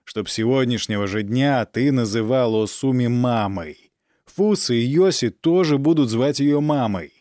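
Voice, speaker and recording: A man's voice: mid-range voice, animated, moderate pace, no room sound, studio quality, close to an everyday voice. A man playing a cruel aristocratic count who harshly berates his daughter in an audiobook reading. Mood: commanding. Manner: harsh, shouting, menacing.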